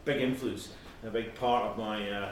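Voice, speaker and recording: A man's voice: on the low side, steady tone, moderate pace. Middle-aged male podcast co-host, natural unscripted rambling talk, very echoey and distant from the mic. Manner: rambling, conversational. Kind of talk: natural unscripted casual chat about music. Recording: very echoey room, distant mic, faint noise.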